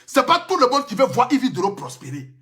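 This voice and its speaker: A man's voice: very high-pitched, huge pitch swings, a little fast, pushed and bright. A man with an Ivorian French accent giving an emphatic, impassioned live stream rant into his phone. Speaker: social media personality.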